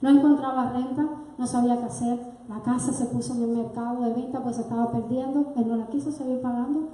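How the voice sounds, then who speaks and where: A woman's voice: a little high, steady tone, fairly quick, dark tone. A woman, giving an earnest, emotional personal testimony to her church congregation. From Cuba. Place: church sanctuary. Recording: very echoey church hall.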